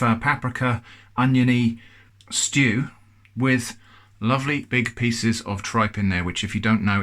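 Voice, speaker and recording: English male host, casual food-review chat, thoughtful, mid-pitched. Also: fairly bright tone. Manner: chatty, thoughtful, self-deprecating.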